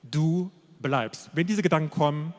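A man preaching a sermon, emphatic and repetitive, slowing down to stress key phrases. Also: on the high side, a little mellow. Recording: long hall reverb.

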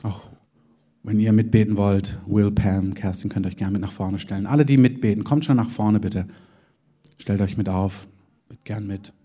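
A man's voice: fairly low pitch, fairly even intonation, normal speed, warm tone. A man preaching a sermon emphatically to his congregation, often saying Amen. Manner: emphatic preaching with frequent Amens. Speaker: pastor. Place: church hall.

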